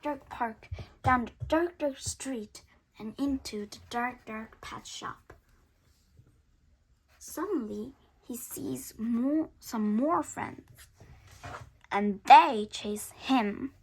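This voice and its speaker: Reading a picture book aloud for children, this storyteller has a high, bright voice with a breathy edge. She performs dramatically and takes her time, moving between hushed whispers and emphatic bursts.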